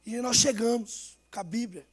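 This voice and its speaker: A young male Brazilian pastor preaching a fervent sermon, swinging between shouted exhortation and hushed storytelling. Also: extremely high pitch, moderate pace, breathy edge. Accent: Brazilian Portuguese.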